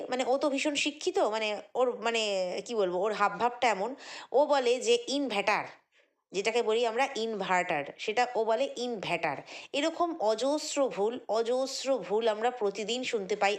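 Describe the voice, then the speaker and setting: A woman's voice: a little high, normal speed. A woman vlogger, giving an indignant, chatty commentary monologue full of fillers and repeated words. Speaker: vlogger commenting on other creators.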